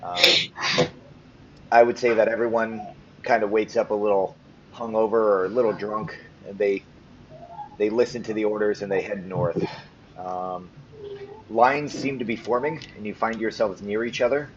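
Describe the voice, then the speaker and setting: A man narrating as game master for a tabletop game, relaxed with frequent ums. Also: on the low side, normal speed, long pauses. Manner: casual, lots of ums and restarts. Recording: slightly muffled with faint noise.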